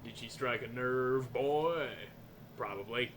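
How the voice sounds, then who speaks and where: A man's voice: medium pitch, slow, fairly bright tone, slight background noise. A man giving casual, slangy, joking commentary over a game he is playing. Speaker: gamer commentating on a playthrough.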